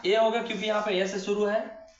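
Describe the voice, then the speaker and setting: A man's voice: sits high, level tone, brisk. A male teacher giving a classroom-style grammar lesson. He keeps asking rhetorical questions and answering them himself, and he draws words out when he spells them. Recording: echoey room, dull lo-fi sound.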